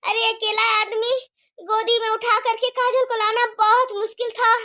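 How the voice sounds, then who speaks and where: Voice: very high-pitched, flat delivery, moderate pace, sharp tone. An anxious rescuer man, voiced by an actor. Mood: urgent. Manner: urgent, pleading. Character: man who carried the injured mother home, anxious. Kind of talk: cartoon story voice acting.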